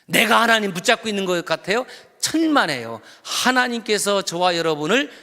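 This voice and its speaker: Pastor preaching to his church, animated and sharp, leads the room in reading and jokes a lot; long church-hall reverb. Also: high voice, moderate pace. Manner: playful, jokes with the congregation and leads them in reading aloud. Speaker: senior pastor. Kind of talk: sermon at a Friday worship service. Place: church sanctuary.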